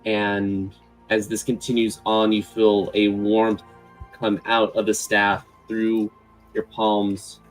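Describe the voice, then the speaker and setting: A man's voice: on the low side, monotone, slow pace, faint music behind, poor audio. A man narrating a tabletop fantasy game as game master in descriptive, conversational language.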